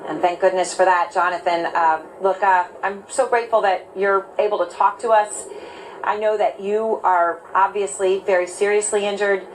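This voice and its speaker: A woman news anchor introducing an interview guest, measured and earnest. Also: mid-range voice, flat delivery, slight background noise, rough recording. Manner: measured, earnest broadcast delivery.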